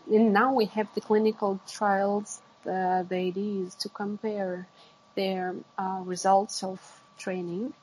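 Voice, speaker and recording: A woman giving interview answers about technical work, haltingly searching for words in English. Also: mid-range voice, flat delivery, a little mellow, a little hiss or hum, rough recording. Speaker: interviewee, exoskeleton company representative.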